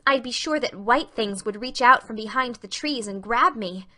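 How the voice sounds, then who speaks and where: A woman's voice: a little high, normal speed, pushed and bright. A woman voicing an imaginative, fearful young girl with impassioned, romantic delivery in a dramatic audiobook. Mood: excited, fearful. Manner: breathless, impassioned, romantic storytelling. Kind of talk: dramatic audiobook character reading.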